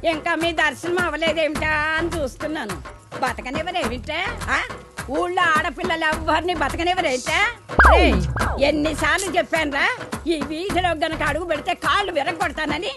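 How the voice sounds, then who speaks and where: An actress playing a fierce, sharp-tongued old grandmother who shouts curses. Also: high-pitched, normal speed, loud music behind the voice, lightly acted. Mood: scolding. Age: older. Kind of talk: film drama.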